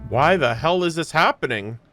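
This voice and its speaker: Over game music, a video game streamer reacts with casual, slangy, expressive commentary that includes some swearing. The voice is mid-range at a normal speed.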